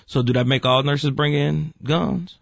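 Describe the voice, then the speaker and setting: A man's voice: a little high, steady tone, unhurried, creaky, no echo. A man with a mid-range voice chats loosely on a talk show, joking and telling stories from work. The recording is dry and slightly muffled. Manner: easygoing, joking, storytelling. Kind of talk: casual opinion chat.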